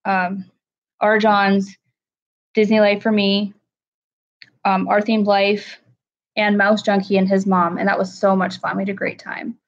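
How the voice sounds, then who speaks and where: A woman talks casually to her livestream audience from home, greeting chatters by name. Her pitch sits in a middle range. The audio is dull and lo-fi, like a home stream. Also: flat delivery, measured pace, pauses often. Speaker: livestream host.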